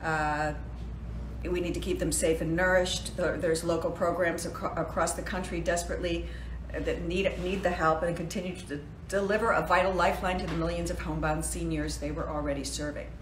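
Woman in her 60s, low-ish voice, self-deprecating chatty livestream host, roomy home room, faint hum. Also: steady tone, fairly quick. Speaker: actress hosting a birthday fundraiser livestream. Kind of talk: casual livestream chat. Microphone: phone at arm's length. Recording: roomy home phone recording.

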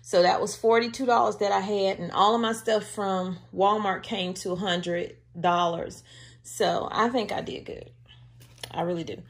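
Chatty woman talking to her viewers. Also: mid-range voice. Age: adult with a daughter. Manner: chatty, homey, addresses viewers as y'all. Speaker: vlogger showing a grocery haul. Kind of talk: casual chat. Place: home, indoors, off-camera.

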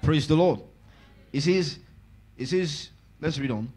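A man preaching a church sermon, reading scripture aloud and growing loud and emphatic on key words while calling on the congregation to answer. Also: on the high side, measured pace, husky. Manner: lively, rises loud on key words, asks the congregation to repeat. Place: church service.

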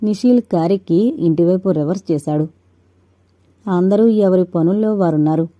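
A woman narrating a novel in a steady storytelling voice. Her tone is low and deeply mellow, and the close mic leaves it dry with no room sound. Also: moderate pace, dry recording. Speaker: audiobook narrator.

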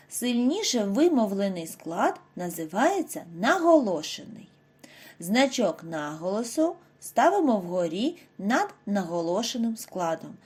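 A woman giving a scripted reading lesson to first graders, speaking clearly and stretching out example words slowly for the children. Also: mid-range voice, darkish tone. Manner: slow, over-articulated model words for children. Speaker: primary school teacher.

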